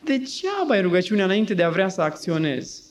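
A man's voice: high voice, big pitch swings. A male pastor preaching an emphatic, dramatic sermon in a church. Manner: emphatic, dramatizing with acted voices.

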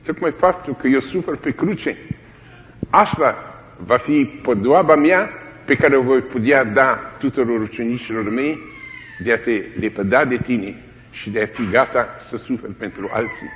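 A man's voice: medium pitch, expressive, slight background noise. A man preaching a sermon in a dramatic way, repeating key phrases for emphasis. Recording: echoey hall, dull lo-fi old recording.

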